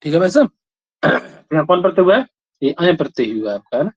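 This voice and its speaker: A man's voice: a little high, big pitch swings, fast, breathy edge. A man teaching a Sanskrit grammar class who keeps repeating his questions and prodding students to answer. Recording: dull lo-fi sound.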